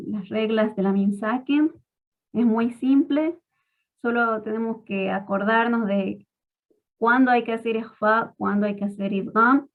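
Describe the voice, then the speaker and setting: A woman teaching Quran recitation rules in a patient, step-by-step way, slowly modelling each pronunciation. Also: on the high side. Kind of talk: online tajweed lesson. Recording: tinny phone-like audio.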